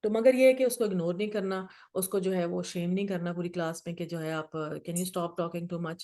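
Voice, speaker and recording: Woman, middle-aged, mellow dark tone, host, parenting discussion, code-switching storyteller. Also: lowish voice, steady tone. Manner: explains warmly with personal stories, mixing English phrases. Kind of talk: casual group discussion.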